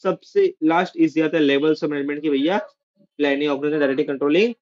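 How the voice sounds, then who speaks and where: A man's voice: fairly high pitch, fast talker, a little mellow, muffled recording. A male teacher giving a casual exam-prep lesson, chatty and often checking in with "theek hai".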